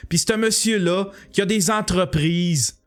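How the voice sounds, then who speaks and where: A man's voice: sits high, measured pace. A man with a Québécois accent, hosting a podcast with profane, sarcastic rants. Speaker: podcast host. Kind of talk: ranting commentary.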